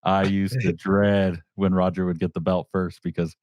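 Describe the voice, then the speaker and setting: Low-voiced man hosting a podcast. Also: level tone, normal speed, a little mellow, dry recording, highs cut off. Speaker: podcast host. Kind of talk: casual chat.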